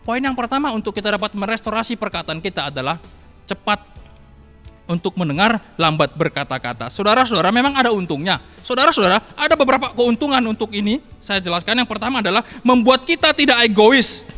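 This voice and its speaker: A man's voice: high-pitched, lively intonation, fast talker, pushed and bright, big-room sound, faint music behind. A man preaching a morning devotional sermon, emphatic and repetitive, often calling out to his listeners. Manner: emphatic, repeats phrases, addresses listeners as saudara.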